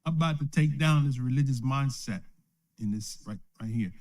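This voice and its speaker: An elder, speaking at medium pitch and moderate pace in a slightly mellow voice, teaches the Bible informally from his home or a small study while streaming live. He asks "right?" after most points and frequently lets out a chuckle.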